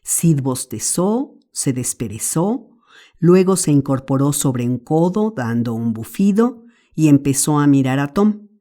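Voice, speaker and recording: A woman with a Mexican Spanish accent reading a classic novel aloud in measured storyteller narration. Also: sits low, animated, dark tone. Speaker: audiobook narrator. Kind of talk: scripted narration.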